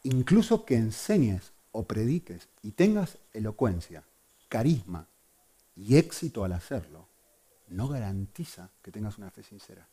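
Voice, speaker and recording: A man preaching a sermon to a congregation, swinging between loud emphasis and hushed asides. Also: fairly low pitch, big pitch swings, measured pace, slightly rough.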